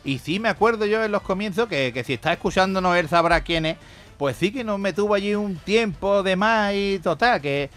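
A man's voice: high voice, moderate pace, fairly bright tone, faint music behind. A man telling stories and jokes on a radio show, rambling and laughing as he goes. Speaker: radio joke-teller. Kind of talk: casual radio chat and joke telling.

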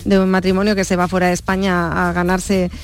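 Middle-aged woman, halting, laughing guest. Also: on the low side, flat delivery. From Barcelona. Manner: halting, laughs between sentences. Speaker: interview guest. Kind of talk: radio interview conversation.

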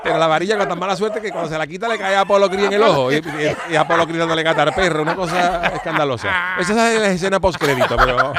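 Man, radio comic host, rapid-fire jokey storytelling, slightly high voice. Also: a loud crowd. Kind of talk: comic film retelling on radio.

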